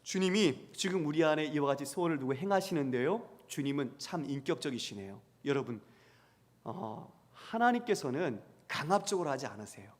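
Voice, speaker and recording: A man's voice: on the high side, animated, normal speed. A man preaching as a pastor who asks the congregation questions and acts out the voices he quotes. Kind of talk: sermon. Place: church sanctuary. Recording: long church hall reverb.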